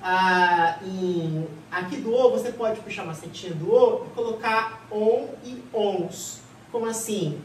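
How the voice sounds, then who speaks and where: A woman teacher giving an exam-prep grammar class, voice carrying from across an echoing classroom. She keeps posing questions to her students and answering them herself, with a lively, talkative rhythm. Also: medium pitch, a little slow, a little hiss or hum. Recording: echoey room, voice from far off.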